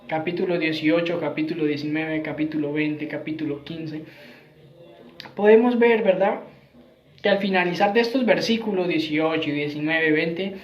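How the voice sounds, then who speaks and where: A Messianic preacher gives an earnest Bible teaching sermon, repeating phrases and frequently ending with tag questions. He has a high voice and speaks at a moderate pace, and the recording sounds roomy, dull and lo-fi.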